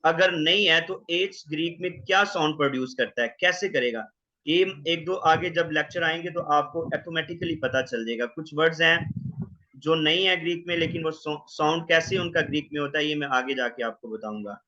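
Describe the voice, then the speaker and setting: A man teaching the Greek alphabet in an online class, slowly sounding out each letter. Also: on the high side, pushed and bright. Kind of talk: online lecture. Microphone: video call. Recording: dull lo-fi online class audio.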